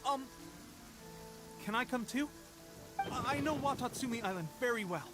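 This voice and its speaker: A man's voice: extremely high pitch, animated, moderate pace, music in the background. A man voicing an eager, timid young soldier in a video game, hesitant and stammering. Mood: hesitant, hopeful.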